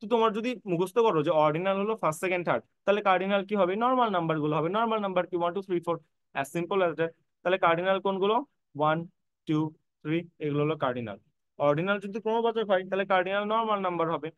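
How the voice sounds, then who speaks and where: Speaking very fast in a high, smooth voice, a man runs an online English grammar class for admission prep, going over points again and spelling words letter by letter. He reassures his students and talks to them directly. The audio is dull but has no echo.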